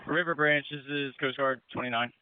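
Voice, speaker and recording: A man's voice: mid-range voice, steady tone, a little fast, smooth. A man speaking as a coast guard boat operator in clipped marine radio procedure talk, over a two-way radio. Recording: narrow, phone-like marine radio.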